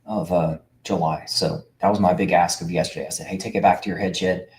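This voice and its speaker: A man's voice: low voice, fairly even intonation, fairly quick, a little mellow. A middle-aged man hosting a show for veterans, talking casually to camera in an emphatic, preachy way, repeating himself with lots of uhs. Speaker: veterans' benefits coach and show host. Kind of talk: casual direct-to-camera monologue.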